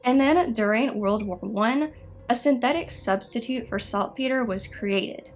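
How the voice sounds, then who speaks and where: A woman narrating scripted spooky history stories in a measured, explanatory way. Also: a little high, faint music behind. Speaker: narrator of a haunted history show.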